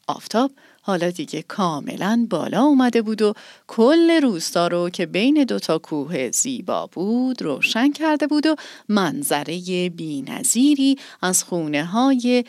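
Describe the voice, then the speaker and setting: A woman narrating a scripted story in a calm, measured and softly expressive way. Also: on the low side, dry recording, clean studio sound.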